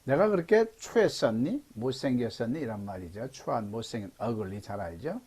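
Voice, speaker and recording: A middle-aged man lectures over a video call, guiding learners through grammar one step at a time. His voice has a husky edge, and his pitch rises and falls with lively energy. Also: normal speed. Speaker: English teacher. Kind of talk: Zoom lecture.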